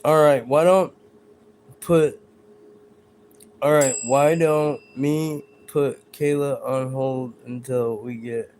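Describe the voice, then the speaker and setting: Slow-talking man hosting a live stream. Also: mid-range voice, fairly even intonation, darkish tone, a little hiss or hum. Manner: rambling, hesitant, talks to viewers and spirits. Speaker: livestream host. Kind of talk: live paranormal stream chat. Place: bedroom at home.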